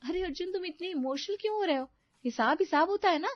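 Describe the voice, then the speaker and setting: A woman voicing a calculating young wife who weighs everything in money and speaks in a brisk, lecturing way. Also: very high-pitched, expressive, no room sound, voice pushed up. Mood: insistent. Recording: dry, dull lo-fi sound.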